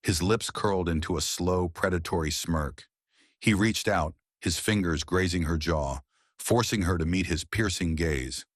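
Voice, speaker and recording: A man narrating a romance story in a measured, dramatic storytelling manner. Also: deep voice, dry recording, clean studio sound.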